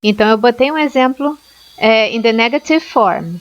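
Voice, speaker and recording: A Brazilian woman teaching an English lesson, explaining grammar slowly and clearly and often checking with "ok?". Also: fairly high pitch. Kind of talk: online language lesson. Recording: dull lo-fi sound.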